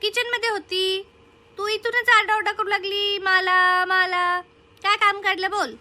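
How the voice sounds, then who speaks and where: A woman's voice: very high voice, flat delivery, unhurried, pushed and bright, heavily acted. A woman voicing a teasing, chatty village neighbour.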